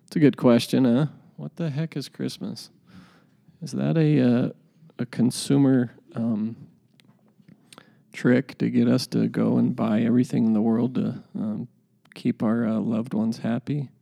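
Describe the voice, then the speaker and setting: Mellow, gravelly male podcast host. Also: medium pitch, steady tone, measured pace. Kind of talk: casual, rambling podcast talk.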